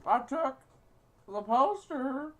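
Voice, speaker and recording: Sitting high in pitch and a bit bright, this woman takes her time with lively intonation. Playing through a visual novel, she reads it aloud in a casual, theatrical, giggly way and improvises crude gags.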